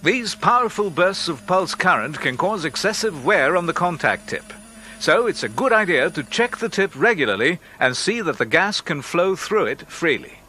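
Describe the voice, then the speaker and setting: Bright-voiced male training-film narrator. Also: fairly high pitch, sing-song, a little hiss or hum. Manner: measured, instructive, precise. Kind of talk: scripted industrial training narration. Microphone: studio voice-over. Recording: faint music behind narration.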